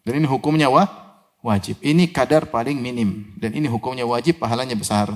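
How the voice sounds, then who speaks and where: A man preaching a sermon. He recites Arabic verses, explains them, and asks his listeners questions that he answers himself. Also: fairly quick. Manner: animated, with sudden rises in pitch and loudness on key words.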